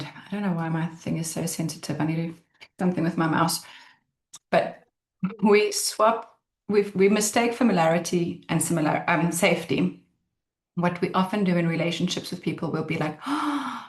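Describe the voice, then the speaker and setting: A woman talks through how the mind works in a relaxed, conversational way. Her voice sits low, and she slips into lively quoted voices for people's inner thoughts. She is heard on a computer mic in an echoey room. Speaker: mindset speaker. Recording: roomy echo.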